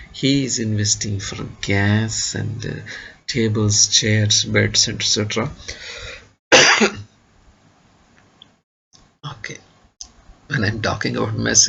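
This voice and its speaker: A man with an Indian English accent giving a classroom lecture to engineering students, slow and repetitive, leaning on "you see" and "okay". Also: lowish voice, gravelly, bright, forceful tone, highs cut off, a little hiss or hum.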